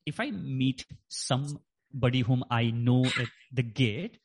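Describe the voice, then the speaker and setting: A man's voice: mid-range voice, slow pace, husky. A man in his thirties from Nepal, a podcast guest talking reflectively with many fillers and restarts. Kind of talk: reflective interview talk.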